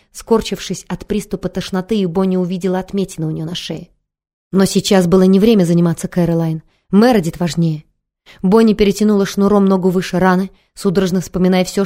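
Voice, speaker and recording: Female audiobook narrator with a low, mellow voice and steady, measured reading.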